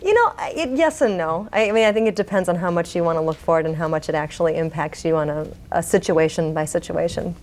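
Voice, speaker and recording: Woman, TV journalist guest, studio, quick, lowish, measured, hedging. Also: a little mellow. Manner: measured, hedging, thinks aloud. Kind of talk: casual TV panel discussion.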